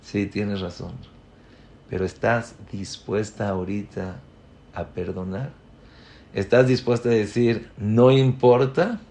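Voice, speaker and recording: A man giving a Torah lecture as a rabbi, building to loud emphatic peaks and acting out the people he quotes. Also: on the low side, fairly even intonation, slow pace, pauses often.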